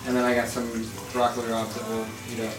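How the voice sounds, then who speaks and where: A woman at a dinner gathering, chatting casually about her cooking, relaxed and full of fillers. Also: a bass voice, fast talker, distant mic. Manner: relaxed, hesitant, many fillers. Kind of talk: casual chat. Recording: roomy, from off-mic, loud music.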